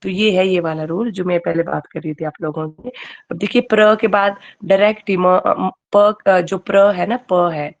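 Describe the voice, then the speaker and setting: A woman with a somewhat low voice teaching a grammar lesson online. She puts question after question to her students and waits for their answers. She paces the class with steady checks of "okay" and "right". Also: moderate pace, lo-fi sound.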